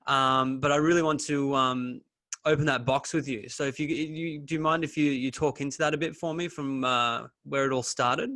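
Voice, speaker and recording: A man's voice: mid-range voice, steady tone, moderate pace, sharp tone. Easygoing man hosting. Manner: easygoing, encouraging, hesitant phrasing with fillers. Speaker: podcast host. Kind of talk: casual conversational interview.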